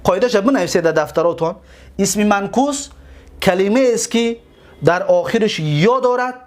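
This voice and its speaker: Teaching grammar in a high voice, this Tajik-accented man takes his explanations slowly. He repeats words and asks his students questions again and again.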